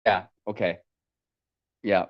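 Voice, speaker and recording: A man born in Korea and raised in America, chatting over a call and talking haltingly with many fillers and restarts. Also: low-pitched, level tone, lo-fi sound. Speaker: podcast guest. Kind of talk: casual chat over a call. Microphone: video call.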